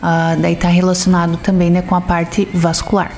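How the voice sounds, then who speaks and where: Woman doctor, low flat delivery, explanatory, faint music behind. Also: moderate pace. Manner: explanatory, listing symptoms. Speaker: vascular doctor. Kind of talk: interview answers.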